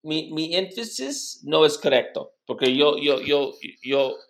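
Halting man learning to recite in Spanish. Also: on the high side, lively intonation, gravelly. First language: English. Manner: halting, repeats words syllable by syllable. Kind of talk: practicing poetry recitation in a lesson.

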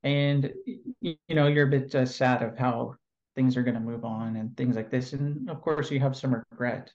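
The highs are cut off in this interview with a California-based NLP trainer whose voice is mid-range. He reflects on his work in a relaxed way, leaning heavily on fillers and pauses.

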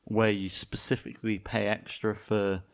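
A man co-hosting a travel podcast, chatting casually with wry, deadpan sarcasm. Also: on the low side, normal speed, creaky. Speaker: podcast co-host. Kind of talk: casual chat.

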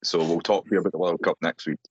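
Low-voiced, dry co-host. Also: male voice, level tone, racing, slightly rough, no echo, dull audio. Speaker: podcast co-host. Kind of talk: casual podcast chat.

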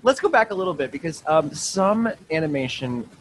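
A male host and acting coach with a lively, animated voice asks long, thoughtful questions. His recording carries a clear layer of background noise. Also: on the high side, normal speed. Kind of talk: interview conversation. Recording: noisy background ambience.

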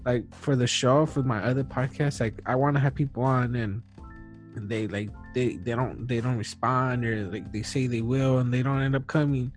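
Faint music plays behind this early-thirties podcast host as he rambles through a casual chat full of fillers and restarts. He speaks at a moderate pace in a medium-pitched voice with fairly even intonation.

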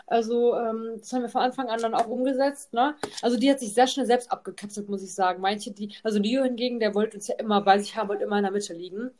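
A young woman rattles through a casual podcast story at a brisk clip, her voice sitting a little high. She keeps checking in with her listener, chatty and unfiltered. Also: fairly even intonation, darkish tone, a little hiss or hum. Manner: chatty storytelling, constant tag "ne?". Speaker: podcast host, mother of two.

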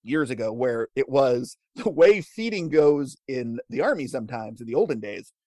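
A man co-hosting a casual chat, telling food history with wry, deadpan jokes. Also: mid-range voice, moderate pace, no echo, studio quality. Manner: wry, deadpan jokes, laughs at own lines. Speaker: podcast co-host telling history.

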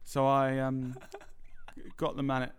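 Casual podcast co-host, animated storyteller, mid-pitched voice. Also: male voice, slow pace, slight background noise. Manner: animated storyteller, laughs through anecdotes. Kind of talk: casual chat.

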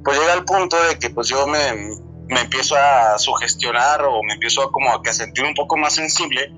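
A man in his twenties with a Mexican accent, telling a true encounter in a halting, repetitive way, often restarting his words. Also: medium pitch, sharp tone, soft background music, poor audio. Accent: Mexican Spanish. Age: 20s. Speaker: storyteller sharing a true encounter. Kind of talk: casual spoken testimony.

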